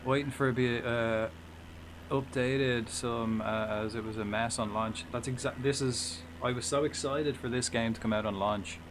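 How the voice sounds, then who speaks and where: A man's voice: medium pitch, fairly even intonation, moderate pace. Sweary Irish man streaming over engine noise. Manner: sweary, rambling, chatting back to viewers. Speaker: game live streamer. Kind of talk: casual live gaming commentary while playing a flight simulator.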